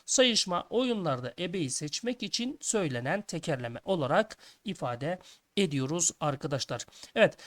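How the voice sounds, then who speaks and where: High, lively male teacher. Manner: addresses listeners as friends, reads tasks aloud then explains. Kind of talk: schoolbook lesson for children.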